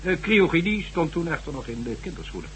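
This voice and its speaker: This old, low-quality radio recording, with its faint hum and noise, features a Dutch radio drama actor as a stern, sardonic official lecturing formally and condescendingly. The mood is measured and recounting, and his fairly high, slightly bright voice swings widely in pitch at a little faster than normal pace.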